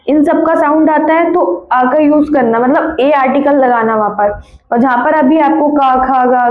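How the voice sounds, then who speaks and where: Woman teacher, high voice, repetitive quizzing style, echoey lo-fi room recording. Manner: repeats words and keeps asking students questions; corrects her own slips with quick apologies. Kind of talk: classroom grammar lesson. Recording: echoey room, dull lo-fi sound.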